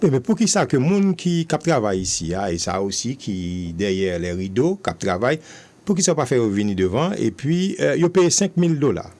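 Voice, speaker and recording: A man's voice: medium pitch, very animated, a little fast, a little mellow. Man hosting a radio show. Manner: brief affirmations, then switches to Haitian Creole and French to recap. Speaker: radio host. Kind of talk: radio interview.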